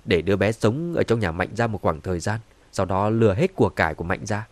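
A man voicing a cunning middle-aged peacemaker who talks soothingly to calm a quarrel, in a dry-sounding audiobook. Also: lowish voice, quick pace, no echo, close to an everyday voice. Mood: hushed scheming. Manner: soothing, conciliatory.

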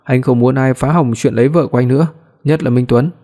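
Picture a man reading a young husband who dotes on his wife and gets his own way. He speaks firmly in a mellow, warm tone. This is a spoken family story. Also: medium pitch, fast talker, lightly acted. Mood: insistent. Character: young husband, possessive and doting.

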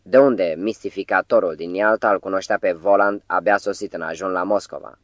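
Narrator: man, low-pitched, dry studio sound, measured literary reading. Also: fairly even intonation, no echo, dull audio. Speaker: audiobook narrator.

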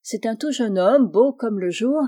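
Woman putting on a shrill, sharp-voiced spinster. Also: lively intonation. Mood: gossipy. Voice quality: sharp, high-pitched voice. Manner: teasing, quick to take offense. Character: shrill, tart, flirtatious spinster. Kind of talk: audiobook reading.

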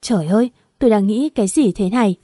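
A woman reading a first-person story aloud in an even, steady narration. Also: mid-range voice, quick pace, dry recording, studio quality.

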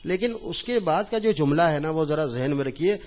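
A man's voice: fairly high pitch, animated. A man giving an informal religious talk in a mosque, telling humorous anecdotes in a chatty way and chuckling at his own jokes. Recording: dull lo-fi recording.

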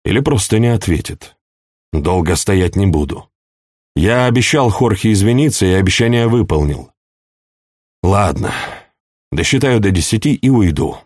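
A man's voice: lowish voice, expressive, moderate pace, long pauses, darkish tone, no echo, studio quality. Man reading a humbled young count. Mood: brooding. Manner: formal, apologetic.

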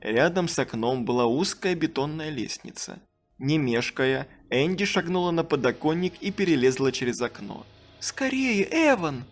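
An audiobook narrator reading a children's horror story and acting out the characters' lines in a raised, excited voice. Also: medium pitch.

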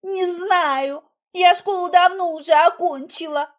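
Woman doing a high, jittery young heroine, loud and pleading, drawn-out words. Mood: agitated. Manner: agitated, pleading, high-strung.

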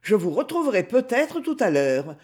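A man's voice: high-pitched, sing-song, slow, voice pushed up, exaggerated voice. A man voicing a tired older woman in her seventies who answers reluctantly, in a storybook reading. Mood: grumbling.

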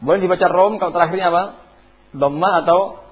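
A fast-talking tajwid teacher with a high-pitched, husky voice leads a classroom lesson, recorded on dull lo-fi tape. He asks his students questions on Quranic recitation rules and chants examples between them.

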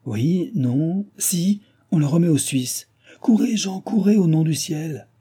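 A man reading aloud who voices an excitable young noblewoman with urgent, shrill exclamations. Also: normal speed, breathy edge, close to an everyday voice. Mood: excited.

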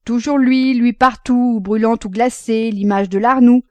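A woman's voice: on the high side, fairly even intonation, unhurried, darkish tone, no echo, pitched above the performer's own voice, natural voice. A woman voicing a pushy young male law clerk who teases his friend sarcastically. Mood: mocking. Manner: sarcastic, teasing.

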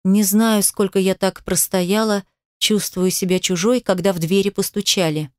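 A woman's voice: medium pitch, fairly even intonation, moderate pace, a little mellow, no echo, studio quality. Woman narrating a dramatic audiobook. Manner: emotional, defiant first-person reading. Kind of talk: first-person audiobook narration.

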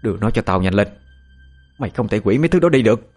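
A man's voice: sing-song, fairly quick, soft background music. A man voicing a vicious old witch stepmother who snarls and curses shrilly. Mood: furious. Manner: shrill, spiteful cursing.

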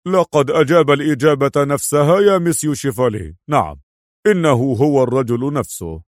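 A man's voice: mid-range voice, animated, a little fast, dry recording, studio quality, lightly acted. A man voicing a formal male bank director in an audio story, speaking politely and apologetically.

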